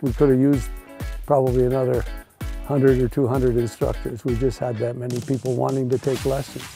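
A man's voice: medium pitch, little pitch movement, brisk, gravelly, mellow, soft background music. A middle-aged man, a ski instructor, explaining things in a casual conversational way outdoors at a resort.

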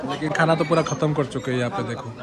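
A man's voice: on the high side, rapid-fire. A man in his thirties from Assam, vlogging casually at a wedding party and introducing his friends to the camera. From Assam, India. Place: crowded decorated wedding party tent at night. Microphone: phone camera at arm's length. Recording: loud crowd around phone mic.

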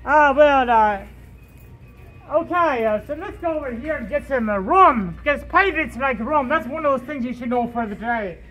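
A woman with a very high voice rambles cheerfully in pirate character inside a drugstore. She leans on filler sounds and tosses in pirate calls as a companion films her on a handheld camera. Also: animated, normal speed, fairly bright tone, faint music behind, poor audio. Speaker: fursuiting vlogger in pirate costume. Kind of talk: playful pirate-themed vlog chat.

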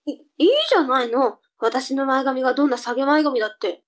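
A woman's voice: high voice, steady tone, brisk, lightly acted. A woman voicing a cheeky, sulky younger sister in a comic tongue-twister reading drama, with a cute anime-girl delivery.

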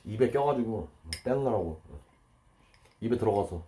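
A fairly low-voiced man talks with his mouth full, chewing as he speaks in a relaxed, plainspoken way. Clear background noise and the clink of dishes and cutlery run under his voice. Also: normal speed. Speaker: streamer eating a family meal. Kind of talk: casual chat.

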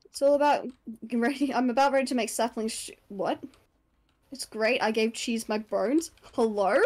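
A woman with a somewhat high voice streams a horror game. She comments casually on her play in the jumpy way of someone who scares easily. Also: normal speed, a little mellow. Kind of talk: casual live gameplay commentary.

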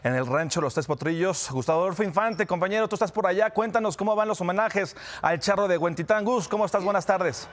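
Casting: young Mexican man, studio news anchor, slightly high voice, measured delivery.

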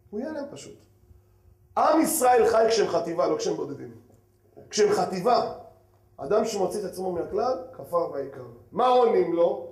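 A man, a rabbi giving a lively lecture who keeps asking his audience questions and swings between loud and hushed. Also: high voice. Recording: echoey hall.

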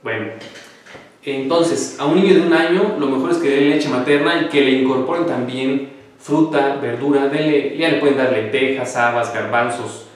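A man's voice: mid-range voice, moderate pace, recorded from a distance. Chatty man in an echoey room. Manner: chatty, joking, answers viewer questions. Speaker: natural health presenter. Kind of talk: casual advice talk.

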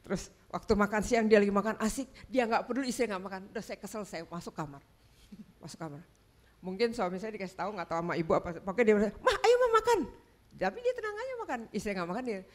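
An older woman giving a church talk, telling a personal story in an animated way and acting out what family members said. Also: mid-range voice, quick pace. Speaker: guest speaker.

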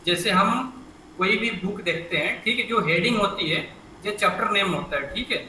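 A man's voice: sits high, normal speed, sharp tone, slight background noise. Echoey male computer teacher. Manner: explains step by step, asks students questions, repeats "ठीक है". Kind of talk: online class teaching. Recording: echoey room mic from a distance.

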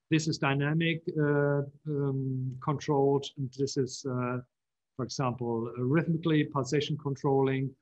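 A man giving a conference keynote on video call, halting and full of fillers and restarts. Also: mid-range voice, highs cut off. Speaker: keynote speaker, composer.

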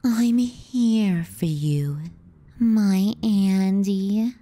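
Very slowly and softly, often near a whisper, a woman with a mid-range voice breathes close into the mic as a teasing, possessive, sardonic younger sister in an intimate ASMR roleplay. She sounds concerned and insistent.

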